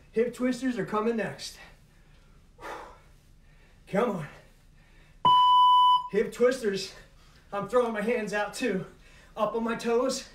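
A middle-aged man calling out moves as an aerobics instructor, urging and motivating while he exercises. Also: high voice. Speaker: fitness instructor leading a home workout. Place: carpeted living room at home. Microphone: camera several metres away. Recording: echoey room, distant mic, noisy.

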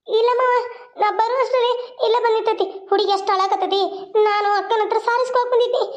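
A young college girl in a village cartoon, quick and urgent, with a North Karnataka Kannada accent, as a woman puts her on. Her voice is very high and rings in an echoey room. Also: steady tone, dull audio. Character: young college-going girl, the mother's sister.

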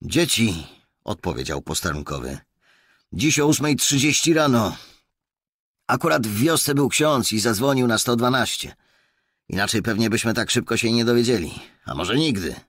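Nervous young village cop voiced by a guy, way higher and louder, eager, sorry-sounding, gravelly dry audiobook read. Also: expressive, moderate pace, dry recording. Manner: eager, apologetic, raised voice.

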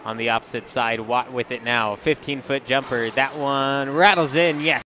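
Bright, excited male basketball commentator. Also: medium pitch, moderate pace, slight background noise, poor audio. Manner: energetic, excited calls on made shots. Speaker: play-by-play commentator.

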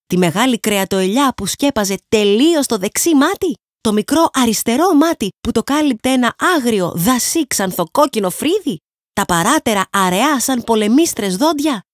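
A woman from Greece narrates a storybook with an animated, swinging pitch and an expressive delivery. Her voice sits at a middle height and sounds dry and close to the mic. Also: no echo. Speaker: audiobook narrator. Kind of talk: scripted audiobook narration.

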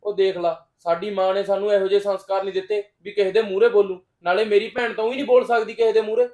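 A man playing a protective older brother who threatens his sister's husband loudly. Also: high voice, little pitch movement, quick pace, natural voice. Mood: accusing. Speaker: actor in a short film.

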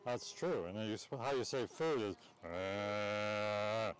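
A man's voice: on the low side, slow. A man announcing a live outdoor contest at a cow pasture, bantering jokingly with the crowd and teasing the waiting audience. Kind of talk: casual live event announcing.

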